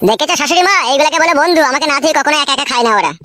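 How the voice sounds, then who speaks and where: A woman's voice: high-pitched, rapid-fire, fairly bright tone, no room sound, studio quality. A woman playing a greedy, gullible young son-in-law in a comic skit. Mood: whiny. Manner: whiny, squabbling, playful.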